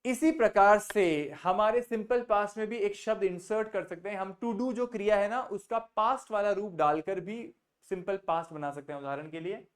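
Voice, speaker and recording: A man's voice: high-pitched, normal speed, few pauses. A male English teacher with an Indian accent runs an online class over a video call. He patiently puts questions to his students by name and switches between Hindi and English as he explains.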